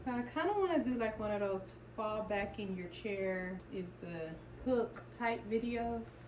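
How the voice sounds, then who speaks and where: A worn-out middle-aged woman, a content creator vlogging her routine, talks straight to camera from home, chatty and loose, often breaking off mid-thought and circling back as she thinks aloud. Tired and sometimes out of breath, she speaks at an ordinary middle pitch and a measured pace, a little mellow, with a faint hiss behind her.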